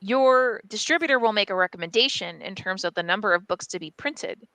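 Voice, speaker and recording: A woman editor tells a story in casual podcast chat, frank, lively and quick to swear. Her voice is bright and crisp, and the sound is dry and close with no room echo. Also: medium pitch. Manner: animated storytelling, frank and profane, many fillers. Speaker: press editor.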